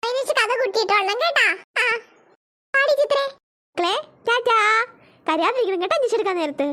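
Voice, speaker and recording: A squeaky, sky-high cartoon family of girls and their mother, all voiced by one woman. She snaps between shouty sibling bickering and soft cooing over babies. A steady hiss of background noise sits under the voice. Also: a little fast. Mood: chatty. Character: chatty young sisters and their mother. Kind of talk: animated cartoon voice acting. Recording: noisy home recording.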